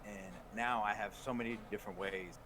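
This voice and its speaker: A man's voice: on the low side, steady tone, a little fast, noisy background. A man co-hosting a podcast in casual chat, rambling and swearing, often laughing. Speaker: podcast co-host.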